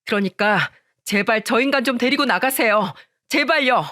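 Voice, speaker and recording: A woman voicing a wronged wife who shouts and pleads in a narrated story. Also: fairly high pitch, moderate pace, no room sound, studio quality, pitched above the performer's own voice. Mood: furious. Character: wronged wife, furious and tearful.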